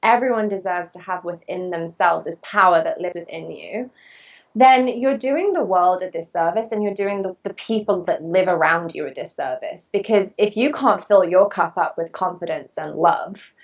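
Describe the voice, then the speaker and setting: A woman's voice: fairly low pitch, moderate pace. A woman telling her story as a podcast guest, speaking in an earnest, fluent and reflective way. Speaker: podcast guest, actress and body-image coach. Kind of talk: candid personal storytelling. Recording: distant, dull remote recording.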